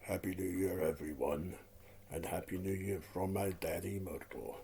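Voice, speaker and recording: A man voicing his pet dog as a slow, hushed, gentle well-wisher in a home video. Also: low-pitched, fairly even intonation. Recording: clearly noisy home recording.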